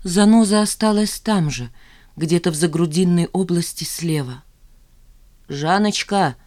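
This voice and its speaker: Measured audiobook narrator, dry sound. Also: medium pitch, mellow, no echo. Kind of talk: scripted narration.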